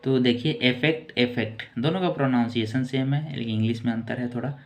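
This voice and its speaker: A man teaching English vocabulary in a casual, repetitive way, saying each word slowly and repeating it. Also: mid-range voice. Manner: slow, repetitive word-by-word explaining.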